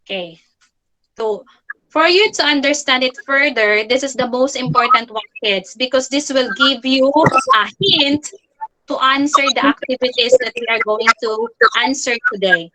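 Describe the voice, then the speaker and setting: A woman's voice: sits high, moderate pace, sharp tone, poor audio. A woman teaching an online grammar lesson for children, repeating key phrases and checking in with "okay?" after nearly every point.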